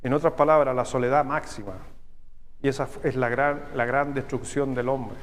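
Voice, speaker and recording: A man with a Chilean accent preaching a sermon as pastor, teaching step by step and checking in with his listeners through quick questions. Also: medium pitch, steady tone, big-room sound, a little hiss or hum. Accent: Chilean Spanish. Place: church sanctuary.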